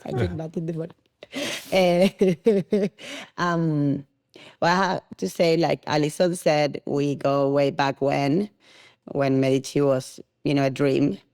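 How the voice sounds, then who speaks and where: A woman's voice: low-pitched, steady tone, slow, a little mellow, dry recording, studio quality. A middle-aged woman from Argentina with an Argentine accent, a podcast guest talking casually and laughing often, with many "you know" fillers. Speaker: guest, tango studio founder.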